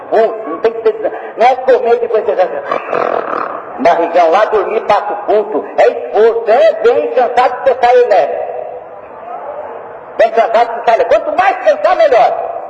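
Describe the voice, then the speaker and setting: A man preaching a revival sermon, animated, acting out prayers and dialogue, sometimes shouting. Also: high-pitched, normal speed, pauses often, slight background noise. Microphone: far from the mic. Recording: dull echoey hall recording from far off.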